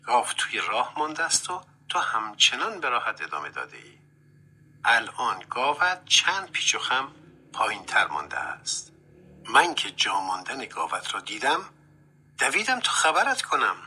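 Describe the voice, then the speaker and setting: A man voicing a sly male thief in a told folk tale, loud and pushy. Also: medium pitch, wildly swooping pitch, husky, exaggerated voice, poor audio. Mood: smooth persuasive. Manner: loud, urgent, scolding.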